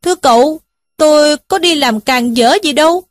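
A woman's voice: a little high, expressive, moderate pace, no room sound, studio quality. A woman voicing a burly young man caught as a thief, pleading in a raised, wailing voice.

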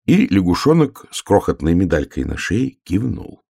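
A man narrating a children's fairy tale in an expressive, animated storytelling voice. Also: low voice, normal speed, vocal fry, slightly rough, dry recording, clean studio sound. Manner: animated, voices all the characters.

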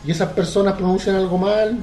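A man's voice: high-pitched, fairly even intonation, fast talker, warm tone. A man with a Chilean accent co-hosting a podcast in casual banter, rambling and repeating words as he thinks. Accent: Chilean Spanish. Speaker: podcast co-host. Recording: roomy echo, faint music.

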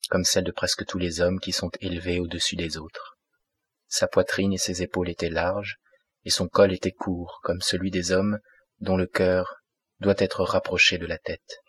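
A man narrating a classic novel as an audiobook in a measured, steady way, close to the mic. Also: low-pitched, husky.

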